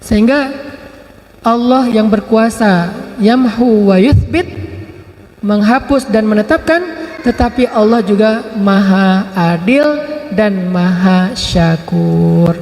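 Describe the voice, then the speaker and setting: Male preacher with a high voice, relaxed storytelling sermon, recorded in a roomy hall. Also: takes it slowly, long pauses. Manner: casual storytelling, mixed with Arabic quotations.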